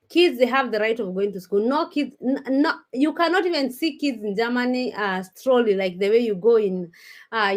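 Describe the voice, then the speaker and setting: Her pitch sits fairly high and her tone is fairly bright. She's a Kenyan woman in her thirties hosting a casual live stream, addressing viewers directly in a chatty way with frequent restarts.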